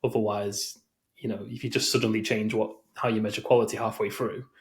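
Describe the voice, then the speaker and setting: A man's voice: fairly low pitch, flat delivery, a little fast. A man co-hosting a podcast, chatting casually and rambling with many fillers and restarts. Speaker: podcast co-host. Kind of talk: casual chat.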